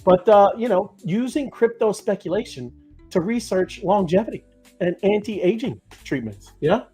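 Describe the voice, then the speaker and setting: Husky, rambling crypto co-host man. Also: high-pitched, animated, moderate pace, warm tone, soft background music. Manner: rambling, many fillers and restarts. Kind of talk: casual livestream chat.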